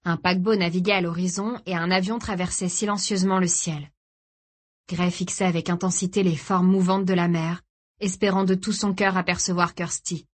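A woman reading a dramatic novel aloud in a steady, grave storytelling voice. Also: fairly low pitch. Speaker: audiobook narrator. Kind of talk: scripted dramatic narration.

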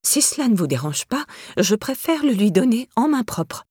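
A woman's voice: medium pitch, expressive, moderate pace, a little mellow, husky, dry recording, studio quality, pitched above the performer's own voice. A woman voicing a timid, prim older woman who speaks in a pinched, frightened tone. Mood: pinched, wary. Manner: clipped, pinched tone.

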